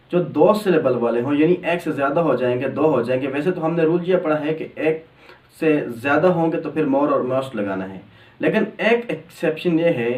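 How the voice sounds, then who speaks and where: A man explaining English grammar step by step, drawing out example words slowly. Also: medium pitch, a little mellow. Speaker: English teacher. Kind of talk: grammar lesson. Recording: echoey room, distant mic.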